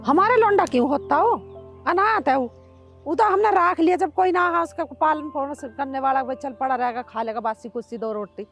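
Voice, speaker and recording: A woman's voice: sits high, normal speed, soft background music. Scornful Haryanvi village mother. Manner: scolding, dismissive. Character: sharp-tongued village mother, proud and scornful. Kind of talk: Haryanvi film acting.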